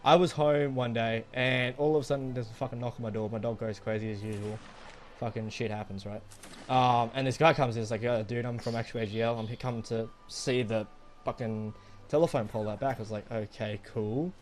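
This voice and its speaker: A young man tells friends a rambling personal story full of profanity, speaking briskly at medium pitch with fairly even intonation. Music plays in the background.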